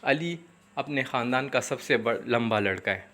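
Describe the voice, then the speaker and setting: A man teaching a grammar lesson with a Pakistani English accent, explaining each point slowly in English and then repeating it in Urdu. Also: mid-range voice, fairly bright tone. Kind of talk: classroom grammar lecture.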